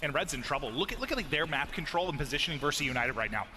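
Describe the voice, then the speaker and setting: High-pitched male esports caster, punchy delivery. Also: animated, rapid-fire, sharp tone, slight background noise. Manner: emphatic, punchy short phrases. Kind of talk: excited esports caster commentary.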